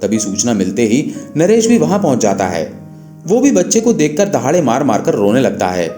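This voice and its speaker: Expressive male storyteller, lively pitch. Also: normal speed. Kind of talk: scripted devotional story narration. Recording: echoey room with faint guitar music.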